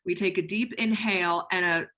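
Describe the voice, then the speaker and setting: Bright-voiced, emphatic female yoga teacher. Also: on the low side, normal speed. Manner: energetic, emphatic teacher's delivery. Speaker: yoga instructor and trainer of instructors. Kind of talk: explaining on a call-in Q&A.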